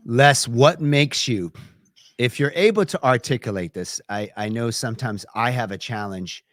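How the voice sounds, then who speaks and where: A man hosting an interview, asking measured questions and murmuring agreement. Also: fairly low pitch, no room sound, studio quality. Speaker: interview host. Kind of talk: conversational interview.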